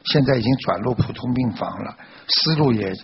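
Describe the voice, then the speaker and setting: A man's voice: mid-range voice, brisk, gravelly, a little hiss or hum. A man preaching a moral sermon, exhorting listeners and telling a fable. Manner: animated, exhorting. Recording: dull lo-fi recording.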